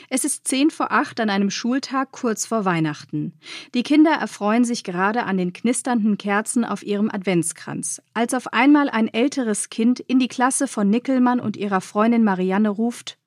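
A woman narrating a scripted radio feature on literature, measured and explanatory. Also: a little high, expressive, a little mellow, no room sound, studio quality.

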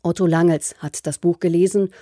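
A woman presenting a scripted radio introduction in a measured, factual way. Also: fairly low pitch, steady tone, mellow, no echo, clean studio sound.

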